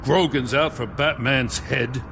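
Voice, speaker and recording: An actor playing a weary, conscientious and frustrated police lieutenant in a video game. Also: male voice, mid-range voice, a little slow, vocal fry, noisy background. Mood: weary frustration.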